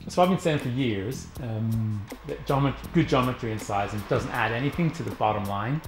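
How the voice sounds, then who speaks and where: Bike reviewer guy, mid-pitched, confident, music behind the voice-over. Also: normal speed. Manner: confident, chatty. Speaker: magazine reviewer and interviewer. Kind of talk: presenter narration and casual interview. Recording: narration over background music.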